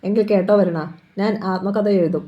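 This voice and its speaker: A woman reading the part of an elderly Gandhian man, loud and rebuking, in a storybook reading. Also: medium pitch, fairly even intonation, moderate pace, lo-fi sound, natural voice. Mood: angry.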